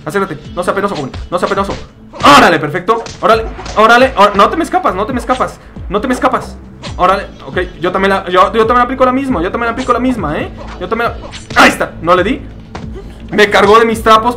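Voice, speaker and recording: A young man with a Mexican accent giving excitable, jokey commentary while he plays a fighting game. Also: sits high. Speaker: gaming YouTuber. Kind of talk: gameplay commentary.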